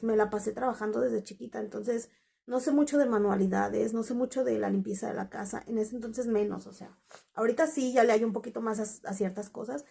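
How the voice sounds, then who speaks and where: Woman spilling her breakup story, kinda raspy fry voice, soft dark tone. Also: a little high. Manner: candid, conversational, quotes past dialogue. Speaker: vlogger. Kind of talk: confessional storytelling.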